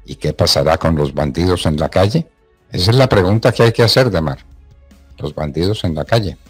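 A man's voice: deep voice, animated, a little fast, husky, soft background music. A man hosting a radio talk show, speaking in an indignant, emphatic way.

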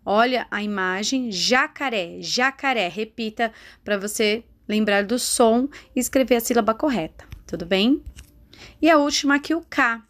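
A woman teacher with a Brazilian Portuguese accent, giving a recorded lesson to young children and drawing out each syllable slowly. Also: a little high. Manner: slow, drawn-out syllables for dictation.

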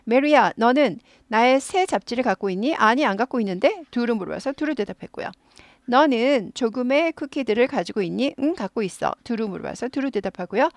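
A woman's voice: fairly high pitch, lively intonation, dry recording. Patient Korean woman teaching English grammar. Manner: patient, repeats words slowly for drilling.

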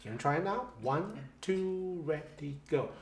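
Male piano teacher, patient, counts beats aloud, slightly high pitch, roomy echo, faint piano behind. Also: animated, measured pace, creaky. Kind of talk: one-on-one music lesson.

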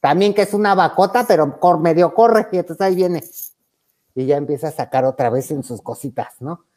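A woman's voice: deep voice, a little fast, mellow. A woman with a Mexican accent telling a funny anecdote in a casual chat. She acts out the voices of the people in her story and laughs often. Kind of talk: casual anecdote among friends.

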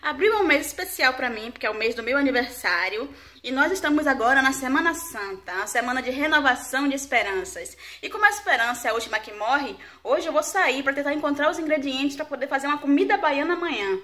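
A young woman from Salvador, with a Bahian Brazilian Portuguese accent, chats informally to a handheld camera held at arm's length, at home and out on city streets. Her voice is high, bright and forceful, fast with lively intonation and no echo, though the handheld recording is noisy with ambient sound.

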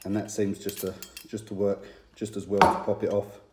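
A man's voice: fairly low pitch, completely flat delivery, normal speed, reverberant, very noisy. A man in his thirties, a tradesman, giving a casual, plain-spoken review to camera with many ums, recorded on a phone in a small indoor room.

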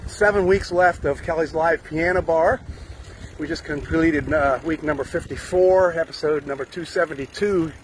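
Riding a bike outdoors on a sunny street, an older man films a casual vlog update on a handheld phone close to his face. A musician vlogger, he chats upbeat with many fillers in a fairly high, fairly bright voice, and the rough recording carries faint wind noise.

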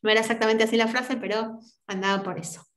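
A woman's voice: a little high, steady tone, fast, echoey room. An Argentine woman teaching a university class, explaining step by step and often checking in with her students. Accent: Argentine Spanish. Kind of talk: online lecture.

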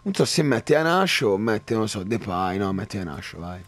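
A man commentating his own football game, excitable, shouting at chances and swearing at misses. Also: lowish voice, fairly quick. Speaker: gaming YouTuber.

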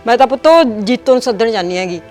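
A woman's voice: a little high, lively intonation, quick pace, darkish tone, faint music behind, natural voice. A woman playing a stubborn older village mother, insistent and complaining. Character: stubborn old village mother set on visiting. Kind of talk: village short film acting.

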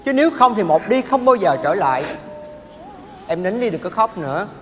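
A man's voice: sits high, sing-song, moderate pace, fairly bright tone, faint music behind. An actor playing an earnest young man who respectfully explains his father to an elder. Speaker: stage comedy actor. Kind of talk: stage sketch acting. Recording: live stage with hall echo.

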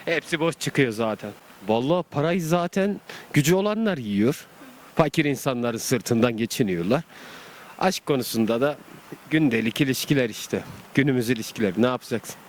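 A man with an average-pitched voice speaks in a resigned, cynical way. He is answering casually in a street interview with faint noise around. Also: animated, normal speed.

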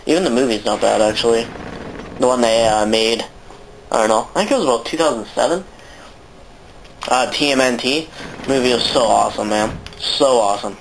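A man's voice: medium pitch, fairly quick, vocal fry, long pauses, a little hiss or hum, rough recording. A man with a sore throat giving rambling, casual commentary while playing a video game, swearing often. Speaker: let's play commentator.

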